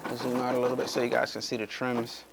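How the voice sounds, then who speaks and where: Speaking fast in a monotone mid-range voice with vocal fry, a man hosts his embroidery channel's casual how-to. He talks to viewers while working, frequently addressing them as "guys," as a running embroidery machine hums behind him.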